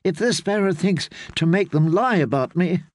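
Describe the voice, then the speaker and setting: A man's voice: high-pitched, lively intonation, normal speed, dry recording, studio quality, voice pushed up. A man reading an audiobook, voicing a young queen who is frightened and indignant. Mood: distressed. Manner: heated, indignant pleading.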